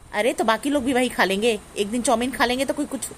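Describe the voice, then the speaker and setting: A domineering middle-aged mother-in-law, played by a woman, gives orders and scolds in a family comedy skit. Her voice sits slightly high, with a faint noise in the background. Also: fast talker, natural voice. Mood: scolding. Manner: scolding, commanding.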